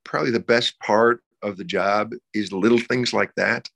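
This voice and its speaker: A man's voice: fairly low pitch, steady tone, moderate pace, vocal fry, a bit bright. A man, an actor guest, telling stories in casual chat, repeating words as he searches for them.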